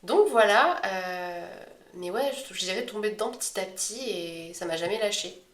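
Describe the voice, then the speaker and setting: A woman's voice: mid-range voice, animated, moderate pace. A woman co-hosting a podcast, talking in a casual, conversational way about herself and her views. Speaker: astrology podcast co-host. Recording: echoey room.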